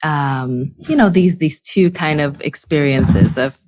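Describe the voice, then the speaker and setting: A low-voiced woman from the Dominican Republic, a psychologist appearing as a podcast guest. She speaks thoughtfully, stopping often to find her words. The sound is dry and close to the mic. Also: darkish tone, no room sound. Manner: thoughtful, with frequent fillers and pauses. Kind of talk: casual podcast interview.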